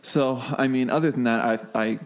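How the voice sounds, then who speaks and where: A man, a beach volleyball player, talking casually as a podcast guest, animated and full of fillers and restarts. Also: mid-range voice, moderate pace. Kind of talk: casual chat.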